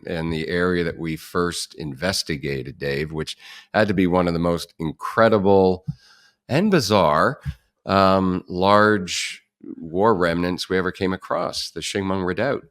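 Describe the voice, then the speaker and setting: A man hosting a podcast, a filmmaker asking relaxed conversational questions. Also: low voice, unhurried, clear, resonant tone, dry recording, studio quality.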